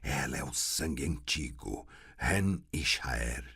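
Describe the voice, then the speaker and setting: An inhuman, metallic voice, cold and cruelly mocking, as a male narrator puts it on. It drops very deep and husky, dragging every word slowly with menace. An audiobook possession. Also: lively intonation, pushed and bright, exaggerated voice. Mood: menacing scorn. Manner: slow, cruel, scornful.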